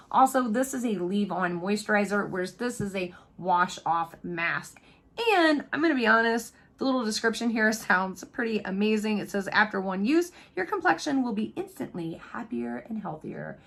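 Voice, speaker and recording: A woman's voice: mid-range voice, a bit bright. A woman chatting casually as she unboxes beauty products, thinking aloud and laughing often. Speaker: beauty vlogger.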